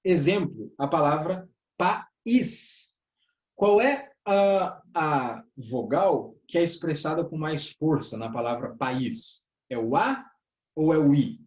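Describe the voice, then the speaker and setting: A man with a southern Brazilian accent teaches a grammar lesson in a fairly high voice. He goes through each point step by step, checking in with "tá?" and addressing the class as brothers. The room gives his voice a noticeable echo. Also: lively intonation, takes it slowly, a little mellow. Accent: southern Brazilian Portuguese. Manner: explains step by step, often ending phrases with "tá?" and "né?"; addresses listeners as "irmãos". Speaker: teacher of a church workers' course. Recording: echoey room.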